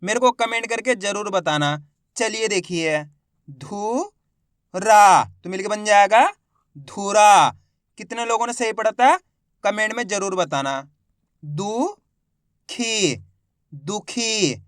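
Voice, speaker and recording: A man teaching Hindi reading, sounding out words syllable by syllable and quizzing his students in a slow, repetitive classroom manner. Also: high voice, animated, fairly bright tone, clean tone, no room sound, clean studio sound.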